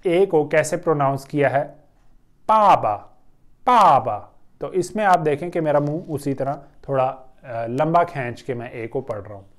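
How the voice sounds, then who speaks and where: A man with an Urdu accent gives an online Chinese pronunciation lesson, and his voice sits a touch high for a man. He explains patiently, with slow stretches and thoughtful pauses. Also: darkish tone. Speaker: Chinese language teacher.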